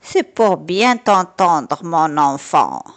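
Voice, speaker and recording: A sly big bad wolf, done by a woman telling the story, drawling each word slowly in a fake-sweet tone. He speaks a little lower than the teller's own voice. It is a storybook reading for children. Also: very animated, heavily acted. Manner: slow, drawn-out and sly.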